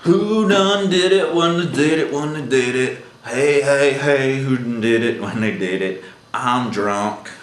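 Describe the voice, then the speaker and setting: A man putting on a rowdy shouting drunk. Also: mid-range voice, unhurried, pitched above the performer's own voice, lightly acted. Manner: loud, slurring, hollering. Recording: very echoey, distant mic, faint noise.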